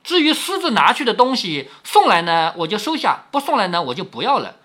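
A meek, passive young noblewoman, as a man reads her out in a storybook reading, mild and resigned. The voice is bright and husky. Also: high voice, big pitch swings, fairly quick, full character voice.

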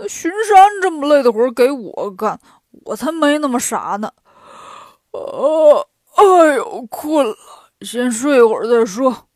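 A woman voicing a lazy, boastful male pig-demon disciple who grumbles loudly in a gruff, whiny voice, for a children's story. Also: fairly high pitch, no room sound, studio quality. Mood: grumbling.

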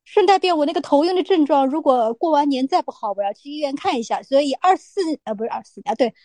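A woman offers new year greetings and wishes in a relaxed conversational style. Her voice is very high, and it is recorded close and dry. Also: fast talker, no room sound. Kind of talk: casual group chat.

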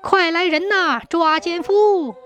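A woman's voice: on the high side, very animated, normal speed, faint music behind. A woman voicing a sly, lecherous and cruel village man who snickers and bellows threats in a storybook tale. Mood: shouting. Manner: leering snicker, shouting threats.

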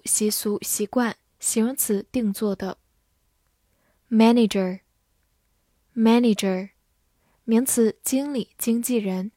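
A woman reads out a vocabulary drill at a very slow, deliberate pace. She says each word twice in a measured way, then gives its meanings. The recording is dry and close, with no room sound. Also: on the high side, mellow, no echo. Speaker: English vocabulary teacher.

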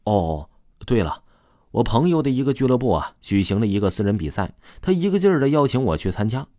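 A man's voice: medium pitch, big pitch swings, brisk, mellow, dry recording, clean studio sound, close to an everyday voice. A man voicing a talkative middle-aged male swim coach in a read-aloud story. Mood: cheerful.

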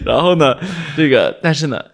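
A man's voice: a little high, a bit bright, breathy edge. A man chatting casually in a podcast, telling a story with lots of fillers and small laughs. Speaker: tennis fan guest.

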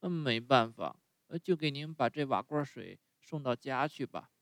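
A man's voice: mid-range voice, expressive, no room sound, lightly acted. A man reading a storybook and voicing the wooden puppet boy Pinocchio, stammering and pleading through tears. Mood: grudging. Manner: stammering, emotional, drawn-out cries.

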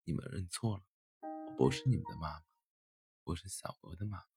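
Man doing a gentle mama goose, soft and low, music behind. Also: a little fast. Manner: gentle, amused.

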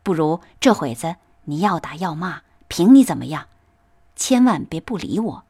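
A woman's voice: medium pitch, very animated, moderate pace. Cheeky teen boy begging to make up, woman reading him, bouncy voice. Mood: coaxing. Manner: cheerful, pleading. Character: coaxing teenage boy, playful and affectionate.

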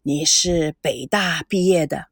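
A woman voicing a reserved elderly grandfather who talks slowly and quietly. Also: no room sound, clean studio sound, heavily acted. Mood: gruff restrained. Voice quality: slow, low, measured.

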